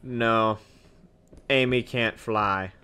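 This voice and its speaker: A man's voice: fairly low pitch, steady tone, drawn-out words, sharp tone, clear, resonant tone. A young man casually commenting on a game as its host, joking and self-deprecating. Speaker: gamer host. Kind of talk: casual let's-play commentary.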